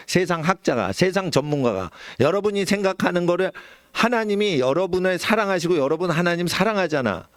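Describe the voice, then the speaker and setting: A middle-aged man preaching a sermon as pastor, animated, sometimes shouting and sometimes dropping his voice low. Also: no room sound, studio quality. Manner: animated, suddenly shouts or drops low, acts out quoted elders. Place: church sanctuary.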